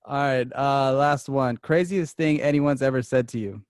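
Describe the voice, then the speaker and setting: A young man hosts a casual podcast, tossing out quick questions in a relaxed manner. His voice sits at a middle pitch for a man. The sound is close and dry, with no room echo. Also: clean tone. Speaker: podcast host.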